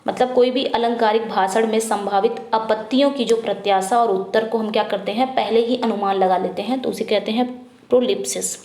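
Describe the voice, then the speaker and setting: A woman teaching an English exam prep lesson, reading questions slowly and explaining quickly in Hindi, asking and answering herself. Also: a little high, fairly even intonation, darkish tone, reverberant. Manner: repetitive drilling, asks then answers herself.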